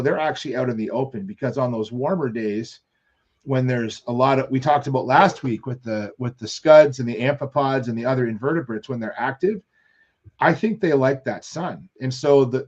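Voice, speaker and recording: Rambling fishing storyteller, muffled audio. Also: male voice, medium pitch. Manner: rambling storyteller, animated quotes. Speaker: fishing show regular. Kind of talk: casual chat on live show.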